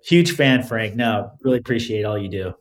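A man giving considered interview answers as a guest, often halting and repeating words as he starts phrases. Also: fairly low pitch. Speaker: podcast guest, crypto legal expert.

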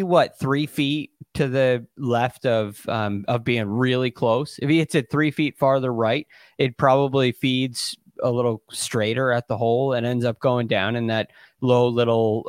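A man's voice: medium pitch, dry recording, studio quality. A man co-hosting as a golf commentator, explaining shots in a casual, conversational way with hesitant phrasing. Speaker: golf podcast co-host and analyst.

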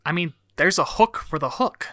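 A man reading scripted, analytical video essay narration in an articulate way, with measured emphasis. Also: a little high, expressive, bright, forceful tone, no echo, clean studio sound.

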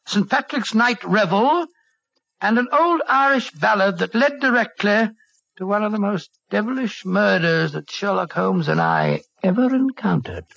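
High, bright, blustering old British doctor. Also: male voice, very animated, measured pace, vocal fry, heavily acted. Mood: genial. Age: older. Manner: blustering, stammering. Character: kindly, blustering older doctor, loyal companion to detective. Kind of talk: 1940s radio drama acting. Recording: dull, lo-fi old radio recording.

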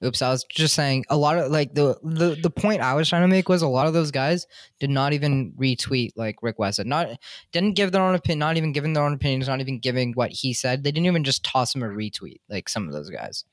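A man's voice: mid-range voice, expressive, fast, no room sound, studio quality. A man talking casually in an online discussion over a video call, rambling a bit with sarcastic asides and lots of fillers.

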